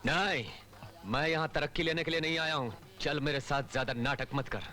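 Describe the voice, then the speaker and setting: A man's voice: a little high, fairly quick, bright, forceful tone. A man dubbing a cheeky, righteous male police officer who tells stories playfully in a film. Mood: stern. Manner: playful storytelling, mock-respectful. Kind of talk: Hindi film dub acting.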